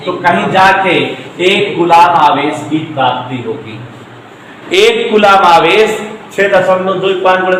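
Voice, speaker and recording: A man's voice: high-pitched, fairly bright tone. Man teaching physics in an echoey room. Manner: repetitive, emphatic, joking asides to students. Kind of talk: classroom lecture. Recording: echoey room with long reverb, faint noise.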